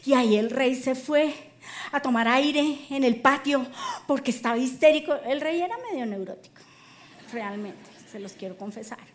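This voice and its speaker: A woman pastor preaches with a high, bright voice, retelling the story in a lively, playful way. Her delivery is colloquial and full of humor, shifting between a hushed hold and emphatic punches. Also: moderate pace. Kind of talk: sermon.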